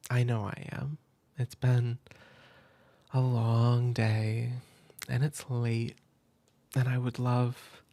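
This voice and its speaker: Man, ASMR comfort roleplay; gentle half-whisper, slow and even, gravelly edge, dry close sound. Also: mid-range voice, no room sound. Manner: soft, tender, half-whispered. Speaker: ASMR creator.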